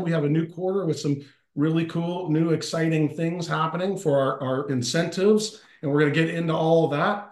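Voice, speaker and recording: Excited guy running a team video call, kinda high voice, lots of ums, roomy echo. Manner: enthusiastic, chatty, many fillers and jokes. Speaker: host of a company team call. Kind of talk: upbeat live video call presentation. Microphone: computer mic on a video call.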